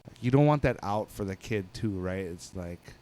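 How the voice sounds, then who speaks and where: A man's voice: low-pitched, animated, moderate pace, a little mellow. A man as a podcast guest, speaking bluntly with lots of swearing in casual chat. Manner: blunt, profane storytelling.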